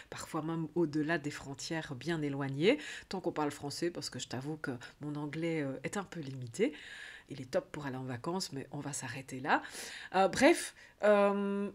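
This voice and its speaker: A woman's voice: low voice, moderate pace. A woman with a Belgian French accent, a coach talking in a rambling, chatty video diary full of fillers.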